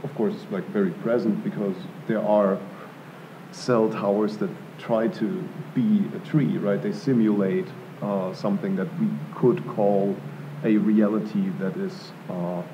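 A man in his thirties from Germany, speaking a little slowly in a low, fairly even voice, takes questions as an artist on a gallery panel with a live audience. He's thoughtful but hesitant, with frequent fillers and restarts. A stand-mounted table mic yields dull, lo-fi live room audio with a little hiss or hum.

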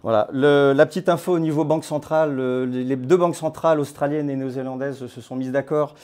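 A man giving an informal presentation to a meetup group, talking in a conversational, halting way with many hesitations and restarts. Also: mid-range voice, steady tone, a little mellow. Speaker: crypto platform founder giving a talk. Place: based in Nouméa.

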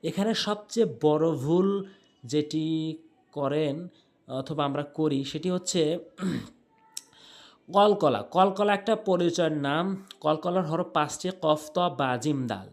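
A man from Bangladesh teaching how to pronounce the Quran, spelling out letters slowly and repeating words in drawn-out recitation. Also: a little high, darkish tone. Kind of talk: explaining Arabic pronunciation rules.

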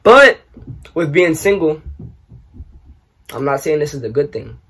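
A young man from New York, raised partly in Trinidad, answering questions in a casual vlog, animated and joking with lots of slang. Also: a little high, measured pace, slightly rough. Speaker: YouTuber. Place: small bedroom, indoors.

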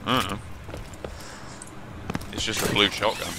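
A man's voice: on the low side, steady tone, unhurried. A man hosting a casual co-op gaming session, muttering and joking as he plays. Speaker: gamer host. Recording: game noise under the voice.

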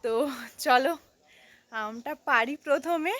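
Young female vlogger, high and bright, lively and chatty, talking to viewers outdoors on a rooftop. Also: slow pace. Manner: lively, addresses viewers as friends.

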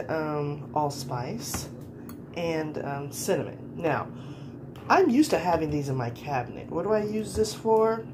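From her kitchen, a middle-aged woman hosts a casual home cooking show, chatting upbeat and straight to her viewers. Her voice is on the low side, and background noise can be heard.

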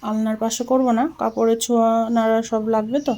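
A woman's voice: a little high, level tone, quick pace, warm tone, poor audio. A woman in her thirties from Bengal, chatting casually to viewers at home while she cleans and tidies. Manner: chatty, talks while doing housework. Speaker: vlogger. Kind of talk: casual home vlog chat. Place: home, indoors.

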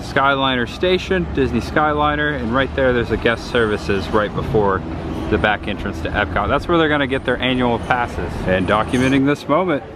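A man's voice: mid-range voice, moderate pace, noisy background. A man narrating a casual walking vlog at a theme park, chatty and pointing things out as he goes.

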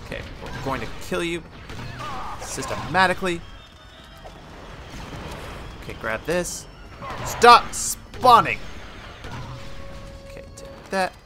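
A man giving let's-play commentary, excitable, swinging from quiet muttering to yelling at the game. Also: on the high side, a little fast, few pauses, over music. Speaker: gaming channel host.

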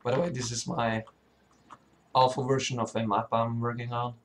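A man who sounds sick, with a cracking voice, giving an informal, hesitant software tutorial. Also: mid-range voice, level tone, moderate pace, slight background noise. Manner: hesitant, often stumbling and throat-clearing. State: sick, sore voice. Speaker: tutorial presenter, level designer.

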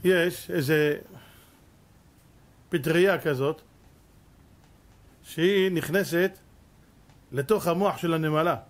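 A man's voice: fairly high pitch, pauses often. Impassioned man preaching a sermon. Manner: impassioned, rhetorical questions, swings between hushed and loud; addresses the audience as "gentlemen". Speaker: rabbi.

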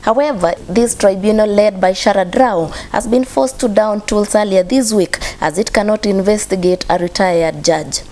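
A woman with a Kenyan accent reading a formal news voice-over in a measured way. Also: medium pitch, darkish tone, low-quality recording. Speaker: news reporter.

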